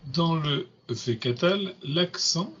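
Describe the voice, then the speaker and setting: A man's voice: a little high, expressive, slow, fairly bright tone, breathy edge, muffled recording. A man teaching a grammar lesson, patiently repeating and spelling out words. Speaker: Hebrew teacher.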